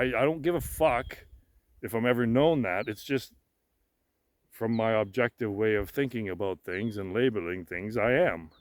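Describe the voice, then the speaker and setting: A self-assured, boastful man walks past a pond in the woods, musing through a casual monologue on his personal philosophy for a vlog. With a mid-range voice, he speaks haltingly, repeating himself, trailing off and cursing casually.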